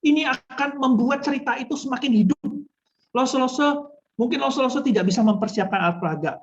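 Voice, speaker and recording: A woman's voice: sits high, fast, muffled recording. A woman trainer teaching a storytelling workshop for children's ministry. She speaks instructively, addresses her listeners often and acts out short examples. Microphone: video call.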